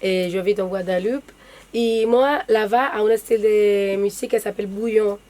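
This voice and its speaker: A woman's voice: medium pitch, fairly even intonation, normal speed, mellow. A young woman from the Dominican Republic with a Dominican Spanish accent, a guest singer chatting casually in simple French with slips, in a radio studio. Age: young adult. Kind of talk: casual interview.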